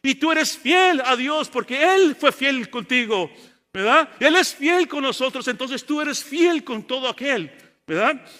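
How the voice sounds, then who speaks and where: A man preaching a bilingual sermon in a church sanctuary. He switches between Spanish and English and delivers slow, emphatic lists. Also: very high-pitched, expressive, pushed and bright. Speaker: pastor. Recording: long church-hall reverb.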